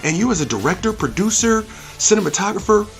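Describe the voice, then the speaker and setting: Soft music plays as a man who runs a movie and game review channel launches into an unscripted rant. His high voice swings widely in pitch and moves fast, and he swears freely, throwing in rhetorical questions with blunt, emphatic opinions.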